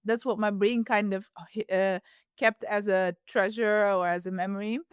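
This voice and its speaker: Speaking at a moderate pace with fairly even intonation, her mid-range voice sounds clear and resonant. She's an Ethiopian-born woman who grew up in the Netherlands, a podcast guest talking reflectively and casually in an interview, often using fillers and restarting. The recording is dry and studio-clean.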